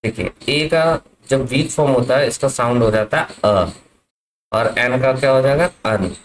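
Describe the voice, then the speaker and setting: A man with a mid-range voice teaches an English grammar lesson at a board at normal speed, asking his class questions and answering them himself. The recording is rough.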